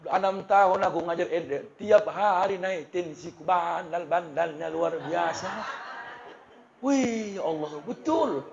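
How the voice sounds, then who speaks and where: A man preaching a humorous sermon at a religious study gathering, talking in a lively, joking way and often addressing the women in the audience. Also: high voice, a little slow, gravelly, highs cut off. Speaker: Islamic preacher.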